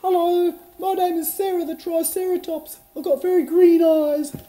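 A man voicing a friendly female triceratops in a high squeaky falsetto. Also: little pitch movement, normal speed, dark tone, rough recording. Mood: cheerful.

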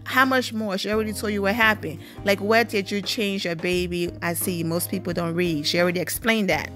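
A woman's voice: mid-range voice, fairly even intonation, brisk, fairly bright tone, faint music behind. A woman vlogger giving casual, opinionated gossip commentary and reading viewer comments aloud.

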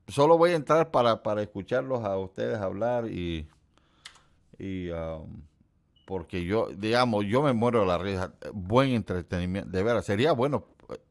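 A middle-aged man from Central America hosting a livestream, chatting casually with his viewers and teasing them. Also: moderate pace. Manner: chatty, jokes and teases his chat; quotes people in a put-on high voice. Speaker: livestream host. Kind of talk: casual chat with live viewers.

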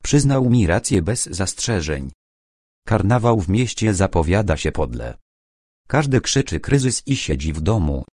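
A bossy, lively young woman from an audiobook, read by a man in his own deep voice. She talks in a brisk, insistent, chatty way, slow and unhurried in delivery. The sound is dry and close. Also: no room sound, heavily acted.

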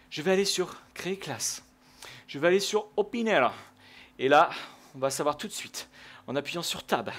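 A man giving live, jokey gameplay commentary, shouting out his kills. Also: sits high. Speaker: gaming video host.

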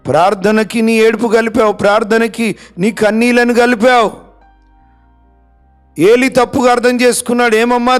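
Pastor preaching hard, goes quiet then loud, soft music behind. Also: male voice, sits high. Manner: impassioned preaching, swinging between soft and shouted. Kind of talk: sermon.

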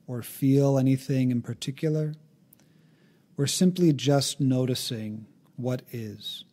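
With calm, gentle instruction, a man narrates a guided meditation in a medium-pitched voice. He leaves long pauses from one phrase to the next.

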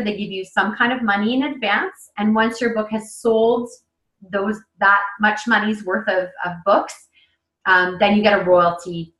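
In an echoey room, a woman speaking her native English presents a webinar as an author, captured by a webcam mic on a video call. Her voice is medium-pitched and fairly bright. The instruction is casual, marked by lots of fillers and restarts.

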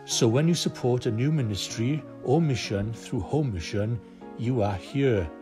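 A man giving a steady scripted promotional voice-over. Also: medium pitch, unhurried, over music. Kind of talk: scripted narration.

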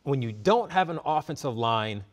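A middle-aged man hosting a TV sports show from a studio, joking and emphatic in lively banter. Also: medium pitch, moderate pace.

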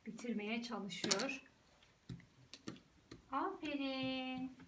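With high pitch and drawn-out words, a woman speaks as a mother guiding her young child through play, offering short, encouraging prompts and casually addressing viewers. The recording is roomy, with a distant mic and clear background noise.

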